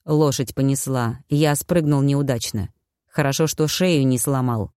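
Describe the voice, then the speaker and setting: Woman voicing a battered young noble brother, low and tired, soft-spoken, audiobook, dry close sound. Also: measured pace, clear, resonant tone, dry recording, lightly acted. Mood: weary, subdued. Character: injured young nobleman, gentle weary brother.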